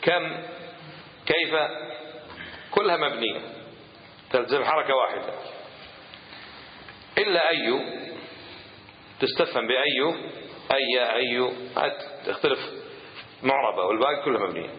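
A man teaching a grammar class. He explains patiently and reads word lists in a measured cadence. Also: mid-range voice, animated, a little hiss or hum. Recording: echoey hall, dull lo-fi sound.

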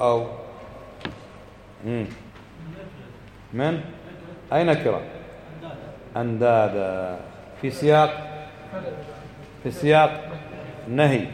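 A religious teacher leads a class, questioning his students, repeating points, and chanting quoted verses. His medium-pitched voice is a little mellow, and the recording has a little hiss or hum, made in an echoey hall with faint ambience.

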